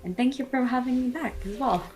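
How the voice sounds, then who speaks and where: A woman's voice: high voice, a little fast, music in the background. A woman chatting as a podcast guest in an upbeat way, laughing easily, over a video call. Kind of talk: casual podcast chat.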